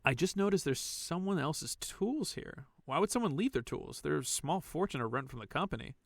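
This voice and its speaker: A man's voice: fairly high pitch, lively intonation, normal speed, gravelly, dry recording, clean studio sound. A man playing a conscientious, cautious and inquisitive salvage worker in a science fiction audio drama. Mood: uneasy.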